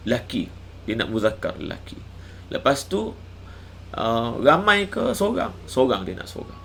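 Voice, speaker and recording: A middle-aged man teaching recitation live, explaining patiently and chanting drawn-out examples. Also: mid-range voice, slight background noise.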